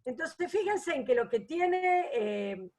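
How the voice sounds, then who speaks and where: A woman's voice: sits high, expressive, slow, a little mellow. A woman teaching a math class online, patient and explanatory, often checking that students follow.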